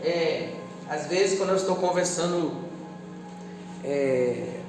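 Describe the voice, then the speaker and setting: Pastor, male, high voice, long church reverb, music under the sermon. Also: slow pace. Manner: emotional preaching, swinging from loud to hushed. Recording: echoey church hall with music behind.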